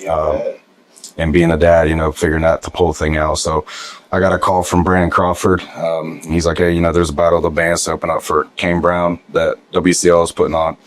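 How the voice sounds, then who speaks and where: A man, a musician guest, telling his story in a relaxed casual interview with frequent fillers. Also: deep voice, brisk, dry recording.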